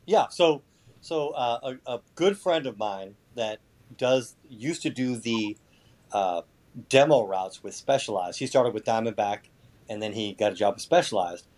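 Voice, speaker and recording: A man's voice: medium pitch, expressive, a little slow, a little mellow. A man chatting casually as a podcast guest, sarcastic and foul-mouthed, with mock boasting. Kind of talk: casual chat.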